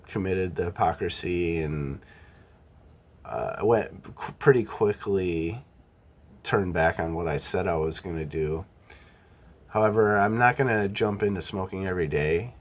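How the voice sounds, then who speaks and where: A young man with a notably low voice speaks in a relaxed personal monologue. He thinks out loud, stops, restarts and corrects himself mid-sentence, as if working out his views as he goes. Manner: halting, self-correcting, musing aloud. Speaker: vlogger. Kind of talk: casual reflective monologue.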